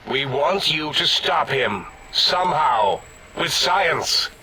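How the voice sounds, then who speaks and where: Game scientist brain, pompous, bossy, piercing bright tone, slightly high, slow, faint hum behind. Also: male voice, lively intonation, heavily acted, poor audio. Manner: blustering, imperious, with sudden shouts. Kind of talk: video game voice acting.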